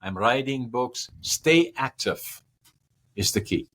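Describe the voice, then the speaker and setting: Animated yet slow, a mid-range, fairly bright male voice comes from a Dutch-speaking man in his 80s from northern Netherlands. As a podcast guest he gives long, meandering casual answers, repeating words and working through lists.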